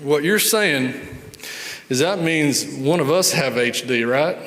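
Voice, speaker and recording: A man's voice: a little high, animated, slow, a bit bright, pitched above the performer's own voice. A man putting on a puzzled, plainspoken father with a Southern accent, in a reverberant hall. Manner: drawling, questioning.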